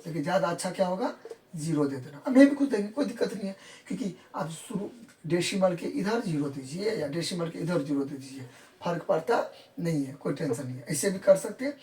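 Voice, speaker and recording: This maths teacher's mid-range voice has a darkish tone and sounds distant in an echoey room. He explains the lesson step by step in Hindi, counting numbers in English, repeating each point and making sure students keep up.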